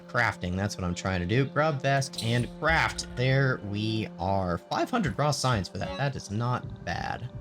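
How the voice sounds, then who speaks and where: Guy narrating his game run slowly, wandering thoughts, game music going behind him. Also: lowish voice. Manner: rambling, thinks aloud with many pauses. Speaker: let's play host. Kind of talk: casual gameplay commentary.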